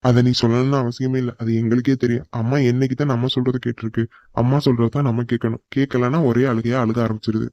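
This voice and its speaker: A man voicing a teasing older brother in a cartoon family, calm and brotherly with the youngest sibling. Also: medium pitch, quick pace, no echo, highs cut off, lightly acted. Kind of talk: cartoon voice acting.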